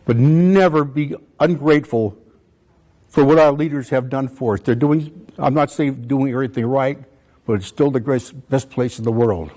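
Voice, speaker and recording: A man's voice: medium pitch, normal speed, dark tone. Man in his eighties, a veteran addressing a school, passionate and pleading, hammers points home by repetition. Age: 80s. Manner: impassioned, pleading, repeats phrases for emphasis. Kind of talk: emotional talk to students.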